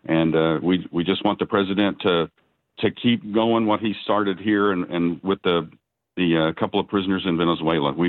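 A middle-aged man, a father giving a news interview by phone, speaking haltingly with many restarts and fillers. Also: low voice, no room sound. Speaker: father of a freed prisoner, guest. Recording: dry tinny phone line.

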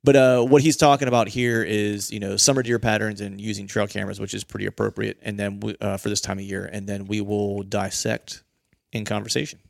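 A man's voice: lowish voice, little pitch movement, brisk, vocal fry, dry recording, clean studio sound. A man hosting a podcast in a casual, jokey and rambling conversational style. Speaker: podcast host.

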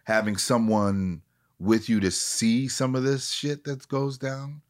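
A man's voice: medium pitch, little pitch movement, slow pace. A man in his late forties, an actor talking candidly and reflectively in a conversation, often restarting his sentences. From Minneapolis area. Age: 40s. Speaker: actor, guest.

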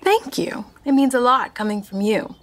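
A woman's voice: fairly high pitch, normal speed, crowd noise, natural voice. A woman playing an earnest, unsure eighteen-year-old daydreamer in a comedy-drama script reading.

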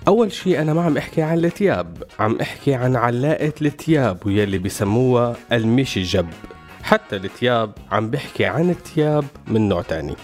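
A man's voice: mid-range voice, expressive, quick pace. A man with a Syrian Arabic accent hosting a radio show, giving wry, explanatory satirical commentary from a script. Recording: music behind the voice.

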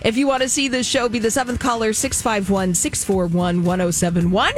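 A woman's voice: fairly high pitch, steady tone, a little fast, faint music behind. A woman co-hosting a radio show, delivering an upbeat contest promo with prize details and a call-in number. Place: radio studio.

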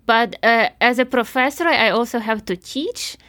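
Woman prof, kinda high voice, chatty and relaxed, dry close mic. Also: moderate pace, dry recording. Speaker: physics professor and researcher. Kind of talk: casual interview talk.

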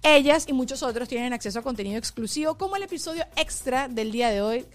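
A woman's voice: sits high, animated, quick pace. A woman hosting a podcast in casual, bubbly chat, laughing often. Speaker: podcast host.

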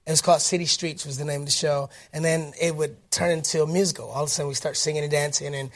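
An animated man from Detroit, speaking as a guest in a relaxed interview. His voice sits fairly high for a man. He talks in an upbeat way, with plenty of fillers and restarts. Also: fast. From Detroit, United States. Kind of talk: casual interview storytelling.

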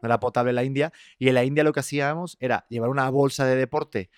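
A man's voice: medium pitch, fairly even intonation, fast talker, clear, resonant tone, dry recording, studio quality. A man with a Mexican accent in a casual podcast chat, joking and crude, laughing often.

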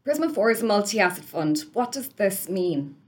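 A woman with a medium-pitched voice hosts a podcast. She presents from a script in the manner of a prepared interviewer. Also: sing-song, moderate pace. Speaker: podcast host.

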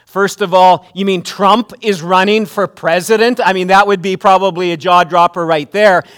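A man's voice: high voice, steady tone, normal speed, fairly bright tone, clean tone. A man preaching a sermon at a pulpit microphone in a church, earnest, often restarting phrases and building to emphatic preaching. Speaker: pastor. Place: church sanctuary.

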